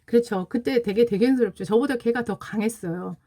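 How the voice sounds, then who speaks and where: A woman's voice: fairly high pitch, fairly quick, mellow. A woman in her forties hosting a casual livestream, telling an emotional personal story in an earnest way and greeting viewers as they join. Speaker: livestream host.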